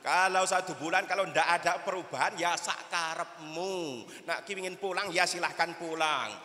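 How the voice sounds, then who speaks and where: A man's voice: on the high side, normal speed, pushed and bright. A man playing an older male boarding-school teacher who scolds and coaxes a homesick student. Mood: coaxing scold. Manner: scolding, coaxing. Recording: echoey hall.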